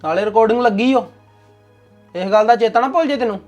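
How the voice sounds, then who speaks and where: A man's voice: extremely high pitch, fast talker, darkish tone, muffled recording, faint music behind. A young man with a Punjabi accent acting a bossy, commanding husband in a domestic drama. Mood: stern.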